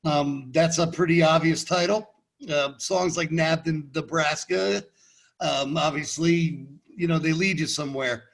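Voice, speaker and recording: A man's voice: a little high, steady tone, unhurried, vocal fry. A man co-hosting a casual interview, setting up questions in a laid-back, hesitant way with fillers. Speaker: interview co-host.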